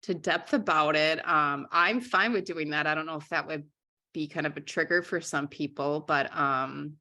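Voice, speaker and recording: A woman's voice: deep voice, normal speed, bright, forceful tone. A young adult woman from Minnesota, an interview guest talking frankly and candidly, often restarting her sentences. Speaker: interview guest, writer and journalist.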